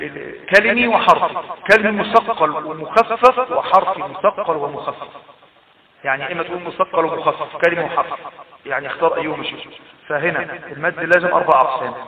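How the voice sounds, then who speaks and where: A man's voice: a little high, sharp tone. A man with an Egyptian accent teaching Quran recitation rules, patiently explaining and repeating terms, chanting verses as examples. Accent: Egyptian Arabic. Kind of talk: tajweed lesson. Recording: echoey, distant, dull lo-fi.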